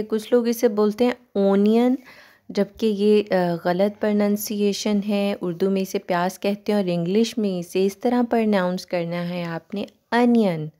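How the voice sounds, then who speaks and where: A woman teaching English pronunciation, saying each word slowly and repeating it so learners can copy her. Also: medium pitch, dark tone. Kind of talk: pronunciation lesson.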